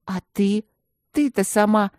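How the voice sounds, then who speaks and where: Woman doing a hurt teenage schoolgirl, pleading, higher voice, dry close sound. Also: fairly quick, a little mellow, dry recording, lightly acted. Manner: pleading and wounded.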